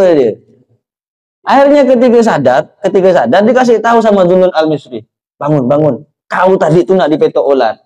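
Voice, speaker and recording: A man's voice: high voice, darkish tone, rough recording. A man preaching a sermon as a kyai, telling a story and often putting questions to the congregation.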